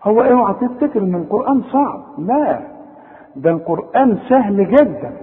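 A man with an Egyptian Arabic accent teaching Quran recitation, explaining rules in everyday talk and breaking into slow, drawn-out chanted recitation. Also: high voice, very animated. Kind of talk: recorded lesson with recitation. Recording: tinny phone-like sound with long reverb.

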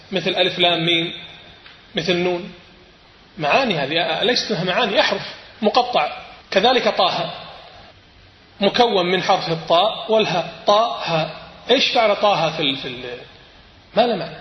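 A man giving a sermon, explaining word meanings and correcting recitation in a measured teaching manner. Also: high-pitched, pushed and bright. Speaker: preacher. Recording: echoey hall.

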